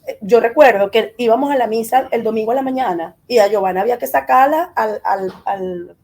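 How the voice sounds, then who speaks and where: A middle-aged woman, a guest in an interview telling a personal story with lively acted-out dialogue. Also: a little high, a little fast. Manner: animated, acts out quoted dialogue.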